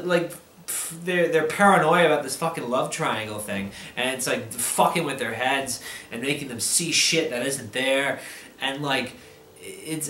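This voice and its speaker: A man with a fairly high voice rants through a film review in a roomy, echoing space. He sounds drunk and angry, rambling and losing his thread between bursts of swearing. His pitch swings widely as he vents his exasperation. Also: fairly bright tone. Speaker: movie reviewer.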